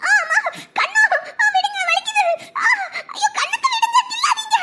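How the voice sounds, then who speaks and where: A woman's voice: very high-pitched, moderate pace, heavy background noise. A woman voicing a mistreated young stepdaughter in a cartoon, whiny and pleading. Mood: pained crying. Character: mistreated young stepdaughter, teen girl, tearful. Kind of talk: Tamil cartoon voice acting.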